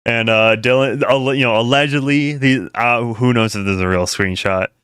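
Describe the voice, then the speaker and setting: A man's voice: mid-range voice, normal speed, a bit bright, clear, resonant tone, dry recording, clean studio sound. Laughing, rambling young man streamer. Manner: rambling, laughs often, frequent fillers and restarts. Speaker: commentary streamer. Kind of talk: casual livestream commentary.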